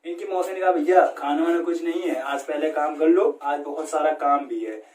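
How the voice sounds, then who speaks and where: A man's voice: on the high side, moderate pace, a little mellow. A man teaches English vocabulary through a story, often quizzing his listeners and acting out the characters' lines. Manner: quizzes listeners with repeated questions; acts out the story's people in quoted voices. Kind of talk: storytelling lesson. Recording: echoey room, mic at a distance.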